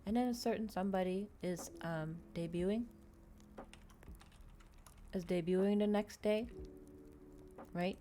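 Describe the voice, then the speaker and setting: Here a woman with a mellow, mid-range voice hosts a VTuber livestream, speaking unhurriedly and pausing often. She talks to viewers in a loose, rambling way, frequently restating her own phrases, while a slight hiss or hum sits underneath.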